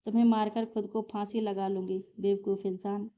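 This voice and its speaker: A man's voice: high voice, flat delivery, normal speed, close to an everyday voice. A woman reading the lines of a fierce, bossy young woman in love, scolding and demanding. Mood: angry. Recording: slightly dull lo-fi recording.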